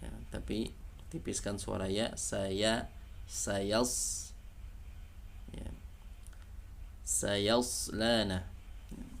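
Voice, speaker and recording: A man with an Indonesian accent teaching Quran recitation, patiently correcting letter sounds and chanting verses slowly. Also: on the low side, flat delivery, vocal fry, a little hiss or hum. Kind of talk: tajwid lesson with slow chanted recitation.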